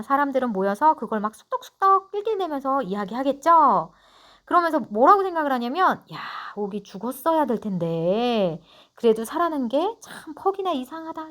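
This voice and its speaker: Lively, high-voiced woman teaching literature. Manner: explains and asks students questions; talks directly to students, chatty. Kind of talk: online exam-prep lecture.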